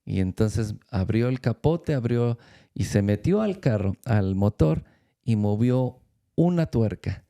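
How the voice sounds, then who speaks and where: A man giving a faith-based talk, telling a story with frequent pauses, fillers and restarts. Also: medium pitch, animated, vocal fry, warm tone. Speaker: church speaker.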